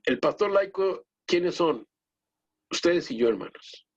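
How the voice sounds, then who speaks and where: A man who is a lay pastor, teaching his congregation in an earnest, halting way with many restarts and direct appeals to the brethren. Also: fairly high pitch, animated. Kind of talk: church teaching talk. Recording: dull lo-fi recording.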